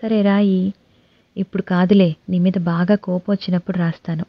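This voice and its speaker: A calm young man with a dry, teasing streak, as a woman reader puts him on, speaking low and quiet in a storybook reading. The voice sits fairly deep and close to the mic. The recording is dry and a little dull. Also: normal speed, dry recording.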